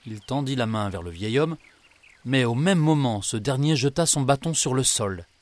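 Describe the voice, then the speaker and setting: A man narrating a children's tale in a calm, measured way. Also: medium pitch, no room sound. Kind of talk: storybook narration.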